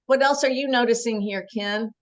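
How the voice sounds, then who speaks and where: A woman's voice: a little high, normal speed. A woman from Pennsylvania presenting a webinar, chatting casually and greeting attendees by name over a video call. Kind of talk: casual chat.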